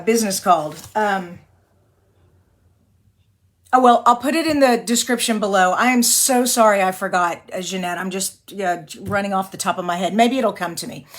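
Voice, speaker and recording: Running a live card-making tutorial, this chatty Texan speaks at medium pitch with a touch of rasp she blames on singing and allergies. She tends to ramble, says sorry a lot, and laughs readily.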